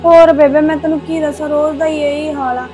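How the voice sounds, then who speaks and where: An actress playing a young married daughter-in-law who quietly complains about her husband yet stays loyal to her home. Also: high-pitched, little pitch movement, a little fast, over music, natural voice. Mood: subdued. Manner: subdued, complaining softly. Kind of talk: village family drama acting.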